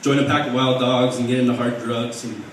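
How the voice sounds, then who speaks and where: A young man performing an open mic stand-up set, deadpan and halting, with restarts and fillers. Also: medium pitch, a little hiss or hum. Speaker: stand-up comedian. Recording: very echoey room heard from a distance.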